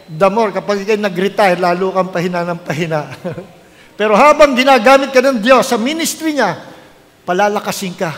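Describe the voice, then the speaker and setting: High-voiced Filipino pastor preaching in a hall. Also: male voice, normal speed. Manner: animated storytelling, mixing English into Filipino. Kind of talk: sermon.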